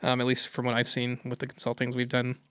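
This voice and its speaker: A man's voice: medium pitch, completely flat delivery, quick pace, a bit bright, clear, resonant tone, no echo. A man hosting a podcast in casual chat, agreeable, backing his guest with frequent yeahs. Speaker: podcast host.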